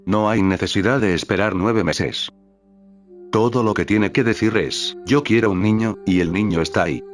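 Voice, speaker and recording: A man reading a spiritual teacher's talks aloud in a calm, measured way, voicing the questions and stage directions too. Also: on the low side. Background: faint background music.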